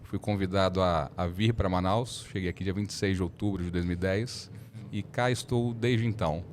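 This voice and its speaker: A Brazilian man in his thirties, a lawyer telling his story as a podcast guest in a measured, reflective way. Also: sits low, fairly even intonation, a little hiss or hum. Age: 30s. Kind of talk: casual interview talk.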